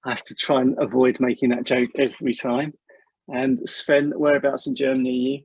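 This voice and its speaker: A man's voice: mid-range voice, flat delivery, a little fast, vocal fry, a little mellow, husky, no room sound, poor audio. A man hosting a webinar, chatty and welcoming, joking lightly with his guests over a video call. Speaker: webinar host. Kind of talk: casual webinar welcome chat.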